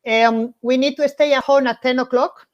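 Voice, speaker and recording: High-voiced woman with a Basque accent. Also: fairly even intonation. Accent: Basque Spanish. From Basque Country, northern Spain. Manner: halting non-native English. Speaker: film-maker guest in live chat. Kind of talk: casual live video chat. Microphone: video call. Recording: dull lo-fi video-call audio.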